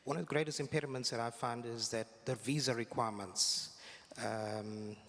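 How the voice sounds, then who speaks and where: Measured man speaking on a panel. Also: medium pitch, steady tone, a bit bright. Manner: measured, agreeable. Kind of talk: panel remarks. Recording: reverberant hall.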